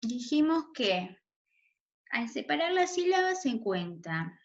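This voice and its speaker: A woman teacher explains spelling rules to children very slowly, pausing often to ask "¿sí?". Her voice sits a bit high. The recording is dull and lo-fi. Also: big pitch swings. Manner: checks in with a questioning "¿sí?" after each point. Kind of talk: slow, deliberate spelling lesson for children.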